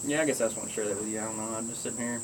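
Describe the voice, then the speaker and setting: A man's voice: on the low side, fairly even intonation, very fast, noisy background. A man with a rural Kentucky Southern accent, chatting casually and folksily to viewers in a rambling way while smoking a pipe. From Kentucky, United States. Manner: folksy, drawling country speech. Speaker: pipe-smoking video blogger.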